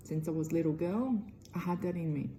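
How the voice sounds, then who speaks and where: A middle-aged woman with a Croatian accent talks earnestly to camera about her healing work. Her voice sits low and mellow, and her English is loosely phrased. A faint hiss runs underneath. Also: fast, rough recording. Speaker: energy healer. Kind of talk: direct-to-camera self-promotion.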